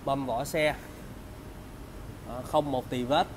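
A man in his thirties with a southern Vietnamese accent, giving a used car salesman's walkaround pitch in polite, repetitive sales patter. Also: steady tone, takes it slowly, background noise. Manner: salesman's patter, polite address and repeated selling points. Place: large open car service bay.

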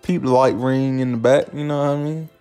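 A man's voice: mid-range voice, fairly even intonation, brisk, warm tone. A young man co-hosting a casual home cooking vlog, joking and teasing in laid-back slang while filming on a phone at arm's length. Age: young adult. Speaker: vlog co-host. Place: home kitchen. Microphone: phone camera held at arm's length. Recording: echoey kitchen with music behind.

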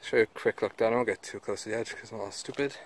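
A man's voice: fairly low pitch, fairly even intonation, very fast, slight background noise. A man casually narrating a walking vlog while exploring woods and caves, exclaiming at what he finds. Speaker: vlogger. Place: woodland outdoors and inside a cave. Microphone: handheld camera mic.

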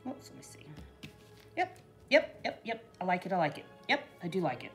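A middle-aged craft vlogger sits at a craft table in her home, showing off a project in a casual, rambling demo full of "you know." Her voice is on the low side and very animated, at a normal speed, with soft music playing behind her.

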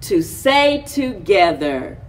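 Indoors by a library chalkboard wall, an animated woman in a mid-range voice slowly reads a picture book aloud for children's story time. She phrases each short line deliberately and expressively, pausing in between. The audio comes from a distant camera microphone.

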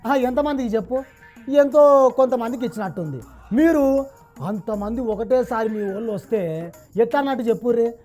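A woman with a Telangana Telugu accent hosts a comic satirical interview, teasing her guest in dialect-heavy banter. Her voice sits somewhat high. Faint music plays beneath her. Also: moderate pace, long pauses, warm tone.

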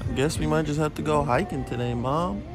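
A man's voice: fairly high pitch, brisk, loud music behind the voice. A young man vlogging casually to the camera, slangy and upbeat, with a phone held at arm's length outdoors. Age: young adult. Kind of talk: casual vlog chat. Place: outdoors on mountain trails.

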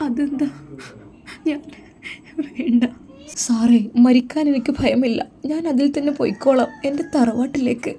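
A woman voicing a young widowed woman, high, soft and tearful, pleading in despair. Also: a little hiss or hum. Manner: pleading, broken.

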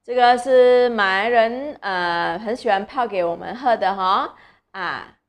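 A young woman teaches small children to read, sounding out syllables slowly. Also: medium pitch. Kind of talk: children's reading lesson.

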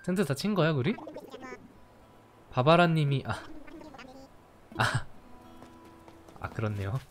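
With soft music in the background, a game streamer chats casually while playing, speaking slowly in a very animated, medium-pitched voice. The let's-play chat is playful and teasing, with joking swears and gushing over cute characters.

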